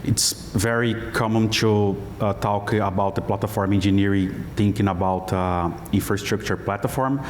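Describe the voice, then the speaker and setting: Deep flat-voiced man with hesitant speech. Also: a little slow, hardly any pauses, a little hiss or hum. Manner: hesitant, many fillers, non-native phrasing. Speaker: head of platform engineering, panelist. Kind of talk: conference panel discussion. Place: conference stage. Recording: hall reverb with faint ambience.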